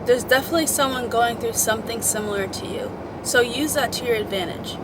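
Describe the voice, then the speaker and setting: The recording is very noisy as a young woman, her voice on the high side and slightly fast, casually motivates her followers. She talks in an emphatic, girlfriend-to-girlfriend manner, chatty and full of swearing and pet names.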